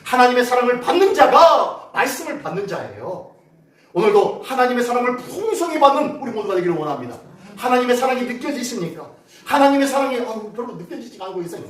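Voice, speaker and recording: A man's voice: very high voice, big pitch swings, brisk. A male pastor preaching a Sunday sermon in a church, urging the congregation on and acting out cries to God. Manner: dramatic, exhorting preacher who acts out prayers. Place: church sanctuary. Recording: echoey church, voice far from mic.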